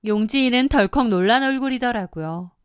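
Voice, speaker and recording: Smooth-voiced woman telling her story. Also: a little high, a little fast, no echo, clean studio sound. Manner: confiding, matter-of-fact. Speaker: narrator. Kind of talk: first-person storytelling narration.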